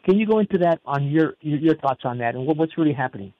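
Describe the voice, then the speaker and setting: A man's voice: a little high, expressive, fast, phone-quality sound. A man hosting an interview, affirming the guest and stumbling over repeated words as he asks questions. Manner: warm, affirming, repeats words when asking. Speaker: host. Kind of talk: conversational interview.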